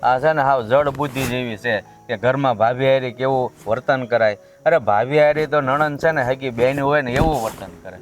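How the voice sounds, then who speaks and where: A man playing a patient father from a village, speaking. He talks in a measured, steady way and gives advice, and light music plays behind him. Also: medium pitch, close to an everyday voice. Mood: grumbling. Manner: calm, advising, measured. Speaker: father in family drama. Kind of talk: Gujarati village drama dialogue.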